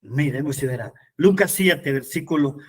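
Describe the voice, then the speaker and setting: A man leads a Bible study as its preacher. His voice sits high for a man. He moves between reading scripture aloud and fervent appeals to the people listening. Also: lively intonation, moderate pace, breathy edge.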